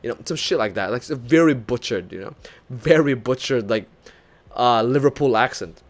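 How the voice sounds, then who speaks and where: A man's voice: mid-range voice, moderate pace. A young Filipino man with a Filipino English accent chatting casually on stream, swearing and laughing as he tells stories and answers chat. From Philippines. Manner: animated, swearing, laughing storyteller. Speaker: VTuber streamer.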